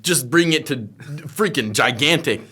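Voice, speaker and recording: A man's voice: on the high side, animated, a little slow, bright, forceful tone, slightly rough. A man co-hosting a podcast in casual banter, with a joking, teasing manner. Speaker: podcast co-host, YouTuber. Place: indoors in a warehouse.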